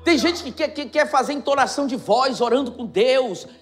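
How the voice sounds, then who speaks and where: Brazilian male pastor, high-pitched, insistent sermon with faint music behind. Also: normal speed. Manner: emphatic, repetitive, rising to near shouts.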